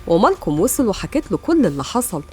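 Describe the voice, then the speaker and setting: A woman with an Egyptian Arabic accent telling a film's story as a fast recap narrator. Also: medium pitch, big pitch swings, darkish tone, soft background music.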